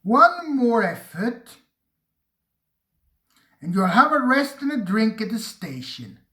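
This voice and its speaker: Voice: medium pitch, sing-song, slow, sharp tone, voice pushed up, heavily acted. A reader voicing a patient, firm train driver who coaxes his engine along, recorded in a roomy space. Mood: coaxing.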